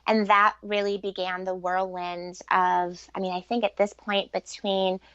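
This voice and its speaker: A middle-aged relationship author and coach speaks in a flat, unhurried way as a podcast guest, her answers earnest, reflective and informal. Her mid-range voice is a bit bright and clean. The recording is dry, with a dull, lo-fi sound.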